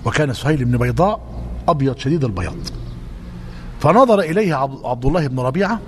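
Emphatic Egyptian preacher in a reverberant hall. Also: male voice, mid-range voice, quick pace. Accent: Egyptian Arabic. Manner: animated and emphatic, repeating key phrases. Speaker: religious teacher. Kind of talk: religious lesson with Q&A. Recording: reverberant hall, faint noise.

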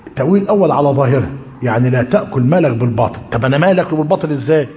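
Animated Egyptian sheikh in echoing hall. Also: male voice, mid-range voice, very fast, slight background noise. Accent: Egyptian Arabic. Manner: animated, shifts between formal classical and colloquial, checks in with listeners. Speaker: Islamic religious teacher. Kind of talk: religious lesson to students.

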